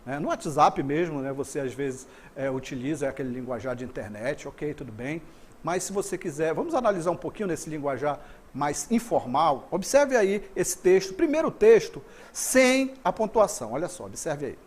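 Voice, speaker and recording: A man's voice: on the high side, sing-song, normal speed, slight background noise. A Brazilian man teaching an online grammar lesson, repeating phrases and coaxing students to look closely. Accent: Brazilian Portuguese.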